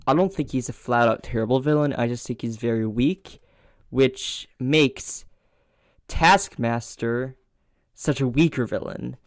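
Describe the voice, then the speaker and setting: A man's voice: mid-range voice, a little slow, no echo. Man giving opinions on a dry podcast. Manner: relaxed, opinionated, some hesitations. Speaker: podcast co-host. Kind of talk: casual movie review chat.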